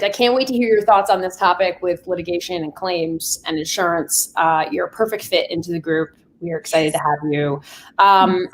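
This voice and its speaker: A woman's voice: medium pitch, a little hiss or hum, low-quality recording. A woman casually hosting a video panel in an informal, chatty, teasing way. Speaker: talk show host.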